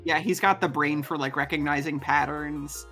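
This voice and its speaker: Bright-voiced, rambling co-streamer. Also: medium pitch, steady tone, normal speed, soft background music. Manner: rambling, many fillers and restarts, laughs easily, casual swearing. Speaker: co-streamer, guest. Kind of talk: casual chat while gaming live.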